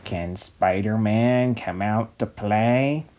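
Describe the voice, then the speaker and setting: Man voicing Green Goblin, low taunting supervillain. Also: takes it slowly, noisy background.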